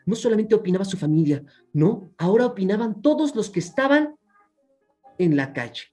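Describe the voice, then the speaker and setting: A man from Mexico with a Mexican accent, telling a children's story in a playful, expressive way and talking directly to his audience. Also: high-pitched, moderate pace, faint music behind.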